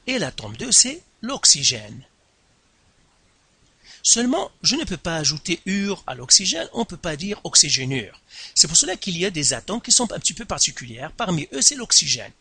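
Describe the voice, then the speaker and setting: Slow, emphatic man teaching a lesson. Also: sing-song, pushed and bright, breathy edge, no room sound. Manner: slow, deliberate, repeats terms and stresses syllables, pitch jumps. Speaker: science teacher. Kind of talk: classroom lesson explaining at a board.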